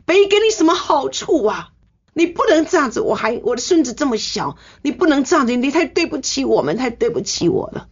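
A woman's voice: high-pitched, big pitch swings, fairly quick, slightly rough, lo-fi sound, pitched above the performer's own voice, full character voice. A woman voicing her older father-in-law, who scolds her with pleading repeated reproaches. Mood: anguished scolding.

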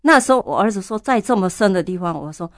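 A woman's voice: medium pitch, animated, fast talker, dry recording, studio quality. An older woman, a church elder, telling her story in an interview and fervently repeating her prayers aloud. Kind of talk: testimony interview.

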